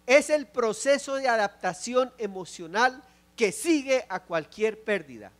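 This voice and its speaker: A male pastor giving an impassioned sermon, repeating phrases and swinging from loud exclamations to soft, low pleas. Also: expressive, unhurried. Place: church.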